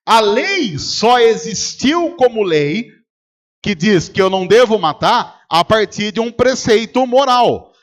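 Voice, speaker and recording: A male pastor with a Brazilian Portuguese accent preaches slowly at a church service, his high voice swinging widely in pitch. He argues rhetorically, quizzes the congregation and acts out arguments.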